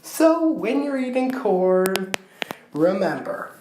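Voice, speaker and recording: A woman's voice: mid-range voice, big pitch swings, slow, warm tone, reverberant, a little hiss or hum, low-quality recording. A woman giving a comedic history lecture, full of sardonic, irreverent asides. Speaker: history presenter.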